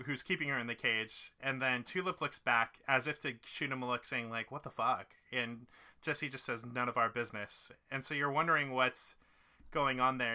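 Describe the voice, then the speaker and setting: A man's voice: mid-range voice, pushed and bright. A man co-hosting a casual podcast, recounting scenes in a rambling way full of "like" and restarts. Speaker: podcast co-host. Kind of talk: casual chat.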